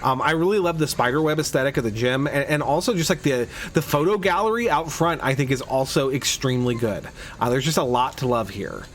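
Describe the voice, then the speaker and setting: This playthrough podcast host has a mid-range voice and a slightly quick pace, with a bit of hiss or hum behind him. He chats casually as he plays, rambling through each move and frequently starting over.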